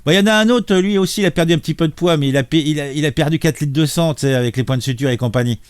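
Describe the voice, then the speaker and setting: A man's voice: a little high, very fast, smooth, no room sound. Sarcastic man ranting with dry close sound. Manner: sarcastic, mocking, hesitant with many fillers. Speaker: political commentary youtuber. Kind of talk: casual reaction commentary.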